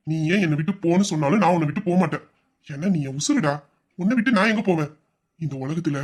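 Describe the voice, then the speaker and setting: A man voicing a loving, protective young elder brother in an audio story, speaking softly and from the heart. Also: fairly high pitch, husky. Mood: heartfelt. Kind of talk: emotional audio-drama acting.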